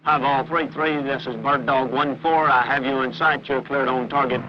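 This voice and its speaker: A man plays a young male Marine on a field radio, businesslike and methodical. He gives clipped military calls. The sound is dull vintage film with clear radio and vehicle noise. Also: mid-range voice, fairly even intonation, normal speed. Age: young adult. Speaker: marine forward air controller on radio.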